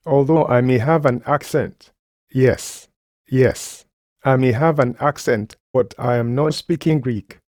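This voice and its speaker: A preacher delivers a sermon in a mid-pitched, slightly mellow voice, speaking emphatically, returning to key phrases and asking rhetorical questions. The sound is dry, with very little room echo.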